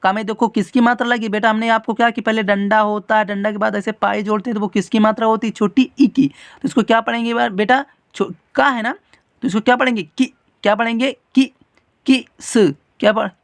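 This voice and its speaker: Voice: medium pitch, fairly even intonation, no echo. Patient children's teacher, repeats every point, stretches letter sounds, dry close sound. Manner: patient, repetitive, keeps calling the child "beta"; drags out letter sounds slowly when demonstrating. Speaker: teacher and channel host. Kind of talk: children's alphabet lesson.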